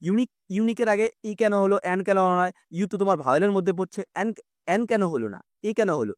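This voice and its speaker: Male teacher, Bengali accent, patient explainer, high animated pitch. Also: fast, no room sound, clean studio sound. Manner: explaining patiently, keeps asking "understood?". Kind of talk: exam-prep English lesson.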